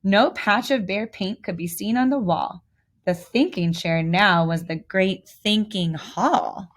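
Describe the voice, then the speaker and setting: A woman of medium pitch reads slowly from a children's picture book. It's expressive storytelling, marked by theatrical emphasis and brief asides to the young listeners.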